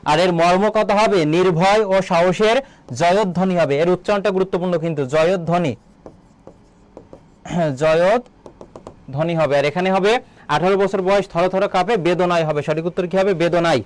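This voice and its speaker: A man teaching an online exam-prep lesson, asking students questions, answering them himself and repeating key words slowly. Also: high voice. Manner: quizzes students, then answers his own questions. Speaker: admission exam tutor.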